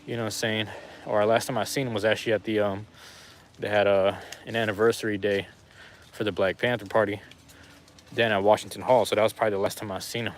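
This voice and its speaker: His voice is fairly low and barely moves in pitch, delivered at a quick pace over slight background noise. He's livestreaming on a phone camera outside in light rain, loosely chatting with viewers, slangy and easygoing, repeating himself as he rambles.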